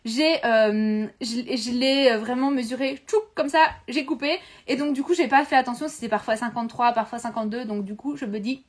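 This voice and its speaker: A high-voiced woman leads a live sewing tutorial from her home sewing room. She talks to her viewers in a chatty, hesitant way. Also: steady tone, brisk, few pauses. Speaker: sewing instructor hosting a live stream.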